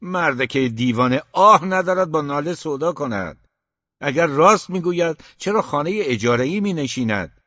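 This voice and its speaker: A man voicing a harsh, domineering middle-aged father who shouts and scorns in an audiobook. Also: on the high side, animated, no echo, lo-fi sound, pitched above the performer's own voice. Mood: furious scorn. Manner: scornful, shouting, quick to anger. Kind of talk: audiobook character reading.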